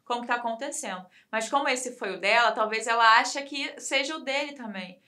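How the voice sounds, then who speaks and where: A woman with a Brazilian Portuguese accent discussing a case on a talk program, reflective and thinking aloud with pauses. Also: fairly high pitch, bright, forceful tone.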